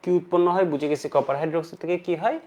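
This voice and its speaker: A chemistry teacher races through an online lecture for students, questioning and answering himself and blending in English terminology. His voice is fairly high-pitched yet darkish in tone.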